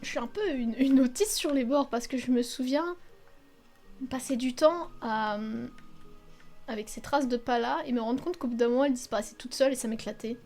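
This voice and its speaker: A young woman with a high, light voice talks her way through a video game in loose, chatty commentary. She exclaims often and swears freely. Faint game music plays quietly behind her. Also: normal speed. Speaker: video game let's player. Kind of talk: casual gameplay commentary.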